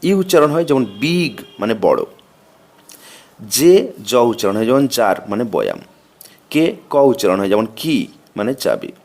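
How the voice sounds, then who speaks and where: Guy reading out a grammar lesson slow and steady, bengali first language, voice bounces up and down a lot. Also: on the low side, vocal fry. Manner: slow, methodical recitation of letters and meanings. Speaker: teacher.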